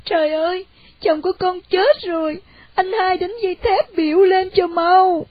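A woman voicing a young, grieving wife and mother who is dutiful and gentle, earnest and respectful through her tears. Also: high-pitched, a little slow, vocal fry, faint music behind. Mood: shocked. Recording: dull lo-fi, dry sound.

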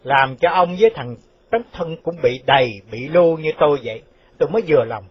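A man's voice: a little high, lively intonation, a little fast, breathy edge, dry recording. A man voicing a vengeful escaped male convict who speaks firmly and scoldingly. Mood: reproachful. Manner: firm, scolding. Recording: dull lo-fi dry recording.

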